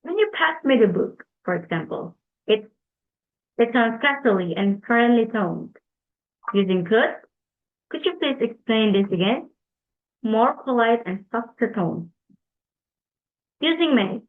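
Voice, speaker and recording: A woman's voice: on the high side, lively intonation. Young woman reading, tinny. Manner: careful, deliberate read-aloud delivery with self-corrections. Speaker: student presenter. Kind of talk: read-aloud class presentation. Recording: tinny phone-like recording.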